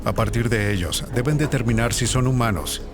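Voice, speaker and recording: A man reading scripted narration in a measured, serious nature-documentary manner. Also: mid-range voice. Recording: music behind the voice. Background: background music.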